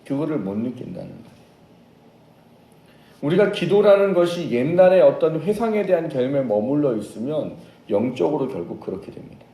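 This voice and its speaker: Lively man preaching in an echoey church. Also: on the high side, a little fast. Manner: lively storytelling, acts out quoted shouts. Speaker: pastor. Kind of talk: sermon. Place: church sanctuary.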